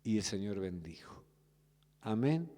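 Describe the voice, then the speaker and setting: A man's voice: lowish voice, very animated, measured pace, dark tone. A man preaching a sermon with a Rioplatense Spanish accent, emphatic and full of rhetorical questions. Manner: emphatic, rhetorical questions, acts out quoted voices. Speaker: pastor. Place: church sanctuary. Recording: echoey church hall.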